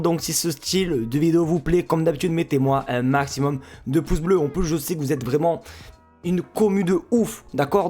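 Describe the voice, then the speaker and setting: A man from France with a French accent, hosting a casual football preview vlog. He jokes around and calls his viewers his friends, in a voice pitched a bit above average. Soft music plays faintly behind him. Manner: jokey, chatty, addresses viewers as friends. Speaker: football fan YouTuber and Twitch streamer. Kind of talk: casual pre-match football analysis vlog.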